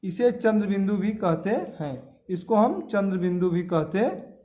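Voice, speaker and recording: Male schoolteacher, high voice, drills terms, asks the class questions. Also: unhurried, dark tone. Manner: repeats key terms, quizzes students with questions. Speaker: teacher. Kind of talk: classroom grammar lesson.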